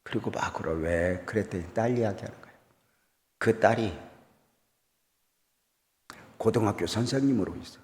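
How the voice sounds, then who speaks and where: A middle-aged man preaching a revival sermon as a guest pastor, swinging between loud exclamations and quiet storytelling and putting questions to the congregation. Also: fairly low pitch, normal speed, pauses often. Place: church sanctuary. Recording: church hall reverb.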